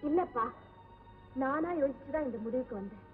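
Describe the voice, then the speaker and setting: A woman's voice: sits high, fairly quick, distant mic, soft background music, natural voice. An actress playing a resolute young blind woman who speaks firmly and insists on her choice. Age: young adult. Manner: firm, insistent. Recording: tinny echoey old film soundtrack.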